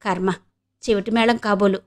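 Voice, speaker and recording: An impatient young gentleman, brusque and quickly irritated, as a female narrator reads him. The voice keeps her own fairly high pitch and comes from an audiobook reading. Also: close to an everyday voice.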